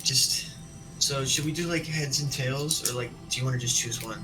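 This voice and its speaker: A man's voice: medium pitch, steady tone, moderate pace, over music, rough recording. A young man chatting casually as a tabletop game player, rambling and hesitant, with lots of "like".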